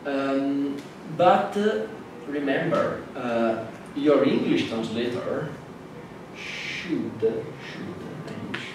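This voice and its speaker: This Italian lecturer, native to the language and from Italy, speaks at medium pitch with a noticeable accent. His classroom talk is halting, broken by fillers and frequent restarts. The audio comes from far away in a hall that echoes, with noise present.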